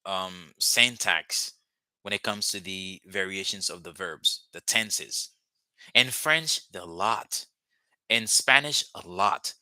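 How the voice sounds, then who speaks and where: A young Haitian man whose first language is Haitian Creole teaches a live online language lesson. His lowish voice has a sharp, tense tone, yet he patiently repeats words slowly for learners, with no room sound audible.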